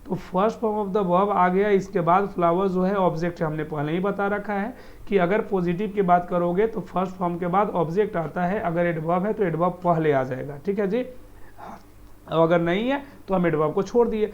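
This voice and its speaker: High-voiced male teacher. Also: normal speed. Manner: patient, repetitive, quizzes the viewer. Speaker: English teacher. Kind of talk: explaining Hindi-to-English translation. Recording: dull lo-fi recording.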